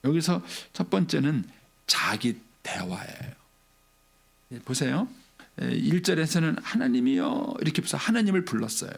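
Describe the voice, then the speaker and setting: A man's voice: a little high, very animated, moderate pace, vocal fry, breathy edge. A middle-aged male pastor giving an early-morning church sermon in a conversational way, asking rhetorical questions and acting out an inner dialogue. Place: church sanctuary.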